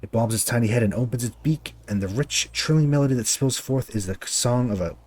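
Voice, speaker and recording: A man's voice: mid-range voice, fairly quick, darkish tone. A man narrating his video game playthrough, reading the story text aloud with casual asides.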